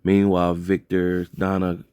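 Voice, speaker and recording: A man with a deep, low-pitched voice talks through a TV episode recap in a relaxed, unscripted way. He rambles and corrects himself, leaning on fillers and "like". The sound is dry and close, with no room around it. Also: unhurried, clean tone, no echo. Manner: loose and rambling, heavy on fillers and self-corrections. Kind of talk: casual spoken recap.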